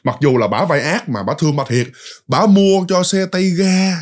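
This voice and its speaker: A man's voice: high voice, moderate pace. A man with a Southern Vietnamese accent casually retelling a ghost story, chatty and speaking straight to his listeners. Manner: animated, chatty, addresses listeners directly.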